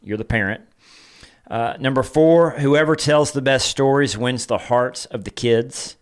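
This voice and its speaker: A man who is a pastor, co-hosting a casual conversation and leading a lesson in a measured way, walking through numbered points. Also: mid-range voice, smooth. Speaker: pastor and podcast co-host.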